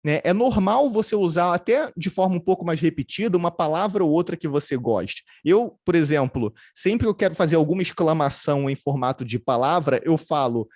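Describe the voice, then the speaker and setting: A man's voice: a little high, expressive, brisk, hardly any pauses, darkish tone, no room sound, studio quality. A man giving a remote training lecture on customer service. He explains step by step and often adds tag questions.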